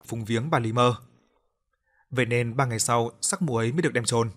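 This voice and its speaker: A man's voice: medium pitch, brisk, fairly bright tone. A male audiobook narrator telling a story in a colloquial way, breaking in with scornful, cursing asides.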